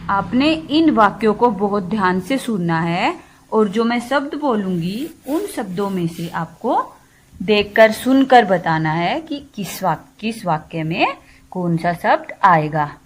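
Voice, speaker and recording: Slow, patient woman teaching children. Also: medium pitch, a little hiss or hum. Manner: slow, deliberate, explains word by word to children. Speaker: primary school teacher. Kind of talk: slow classroom lesson for young children.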